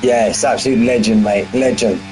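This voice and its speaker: A man's voice: lowish voice, fairly even intonation, normal speed, music in the background, low-quality recording. A man giving live race commentary on a stream from his front room at home, chatty and full of banter with his viewers. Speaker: sim racing commentator.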